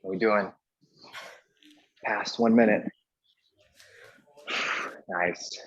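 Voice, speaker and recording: Guy leading a workout class, slow pace, counts reps, short cues, echoey room, kinda muffled audio. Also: on the low side, steady tone. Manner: short cues while exercising along. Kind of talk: live exercise instruction, counting reps.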